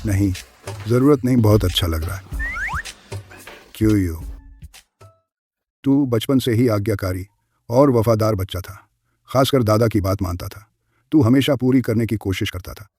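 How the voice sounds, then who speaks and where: Self-pitying old granddad, stammering, low voice, dubbed drama, music bed. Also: male voice, a little slow, pauses often, a little mellow. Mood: scolding. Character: frail, complaining old grandfather. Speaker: dubbing actor. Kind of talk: Hindi drama dubbing. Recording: dialogue over music.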